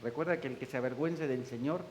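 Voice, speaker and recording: A man's voice: mid-range voice, fast, darkish tone, slight background noise, rough recording. A man preaching a sermon in church, folksy, joking with the congregation and acting out the voices he quotes. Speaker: pastor.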